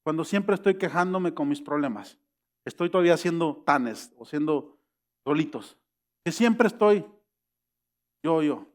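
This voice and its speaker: A man's voice: a little high, lively intonation, a little slow, pauses often. A middle-aged man preaching a sermon, acting out quoted voices and rising to emphatic peaks. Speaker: pastor.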